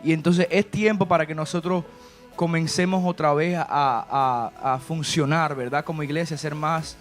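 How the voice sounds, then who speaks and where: A man's voice: fairly high pitch, steady tone, normal speed, faint music behind. A man pastor hosting a church talk show, talking in a chatty preaching manner with frequent tag questions. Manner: preachy, warm and chatty, with many "¿verdad?" asides. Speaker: pastor and host.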